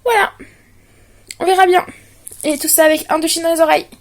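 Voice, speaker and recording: A young Frenchwoman with an extremely high-pitched, steady voice talks a little fast in a casual home vlog filmed indoors. She's self-mocking and fills her speech with fillers.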